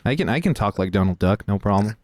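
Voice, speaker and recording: A man hosting a stream, commenting on his game in an excitable, joking way. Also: on the low side, fast, dry recording. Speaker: host playing a game on stream. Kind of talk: casual chat.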